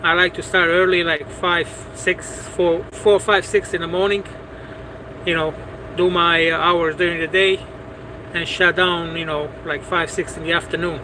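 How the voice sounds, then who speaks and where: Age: adult. Sex: man. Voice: somewhat high for a man. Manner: rambling, repeats words, many "you know"s. Style: casual livestream chat from a parked truck. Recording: noisy cab with air conditioning and traffic hum. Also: level tone, moderate pace. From Bosnia. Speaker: truck driver and livestream host.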